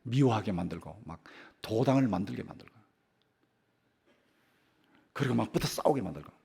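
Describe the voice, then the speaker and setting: Gravelly, animated older male pastor. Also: on the low side, moderate pace. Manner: animated storytelling with repeated phrases, voice rising and dropping sharply. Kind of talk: sermon. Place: church sanctuary.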